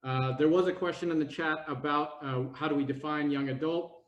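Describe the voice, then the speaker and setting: A man's voice: on the high side, fairly even intonation. Guy around 40s on a zoom call, lots of uhs and restarts, roomy muffled sound. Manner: halting, many fillers and restarts. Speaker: committee presenter. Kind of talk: casual update on a video call. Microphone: video call. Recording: echoey, dull video call audio.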